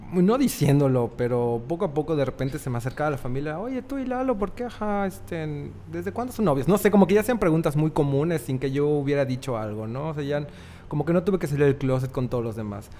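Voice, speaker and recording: A man's voice: mid-range voice, fairly quick, warm tone, slight background noise. A young man with a Mexican Spanish accent, telling a personal story in a casual chat and laughing often. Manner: chatty, laughs often, acts out quoted voices.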